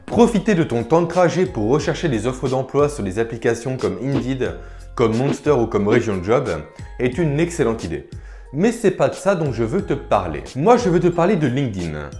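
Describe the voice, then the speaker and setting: Animated French-speaking career vlogger man. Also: medium pitch, normal speed, soft background music. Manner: lively, chatty, informal. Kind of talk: casual advice vlog addressing the viewer.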